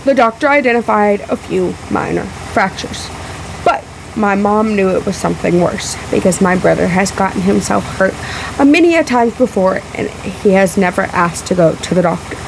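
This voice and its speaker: A woman vlogging a casual, emphatic rebuttal in halting phrases, sounding sick, emotional and a little out of breath, with a fan running in the room. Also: mid-range voice, gravelly. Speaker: vlogger responding to a video. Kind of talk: casual rebuttal vlog to camera. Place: room in a house. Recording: loud fan noise in room. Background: fan running in the background.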